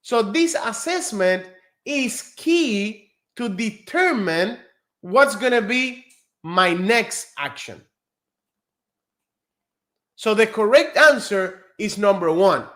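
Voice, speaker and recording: A Cuban man teaches a live online nursing exam lesson, earnest and encouraging, slowing down to stress key words. His voice is high-pitched and a bit bright.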